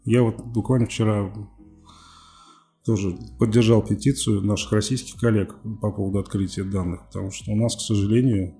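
Outspoken, mellow-voiced man in his forties. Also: lowish voice, fairly even intonation, a little fast, soft background music. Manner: outspoken, defiant, wry. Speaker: TV journalist, podcast guest. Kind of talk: candid interview talk.

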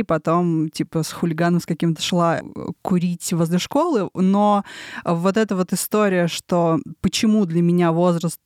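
A woman's voice: lowish voice, a little mellow, dry recording, clean studio sound. A woman guest on a podcast, an artist and photographer, telling a story candidly in casual chat.

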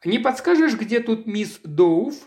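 Pushy wealthy buyer, blunt and brusque, as the narrator puts him on. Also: male voice, high voice, big pitch swings, takes it slowly, warm tone, pitched above the performer's own voice, heavily acted. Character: brash rich businessman, pushy buyer. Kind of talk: audiobook character voice.

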